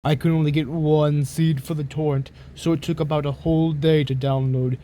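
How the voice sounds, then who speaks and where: Guy doing a dramatic creepypasta reading, theatrical, soft mellow tone, bit of background noise. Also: fairly high pitch, little pitch movement. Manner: theatrical, with drawn-out emphasis. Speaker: narrator reading a creepypasta aloud. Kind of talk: dramatic reading of a horror story.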